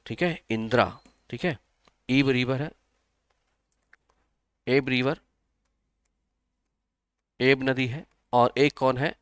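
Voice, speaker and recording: A man's voice: mid-range voice, takes it slowly, pauses often, fairly bright tone, dry recording. A man teaching geography in a live online exam-prep class, often repeating himself, checking with students and giving memory tricks.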